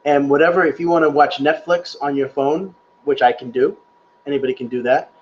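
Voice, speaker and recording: A man's voice: fairly high pitch, a little fast, lo-fi sound, a little hiss or hum. Chatty man hosting a live Q&A. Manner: chatty and rambling, laughs at himself. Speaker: livestream presenter answering viewer questions. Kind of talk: casual live Q&A. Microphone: webcam or laptop mic on a live stream.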